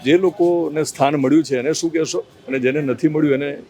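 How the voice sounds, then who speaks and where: A man interviewing a politician, asking slow, thoughtful questions with hesitations and addressing viewers directly. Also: a little high, steady tone, mellow. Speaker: interviewer and news reporter. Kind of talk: conversational interview with asides to viewers.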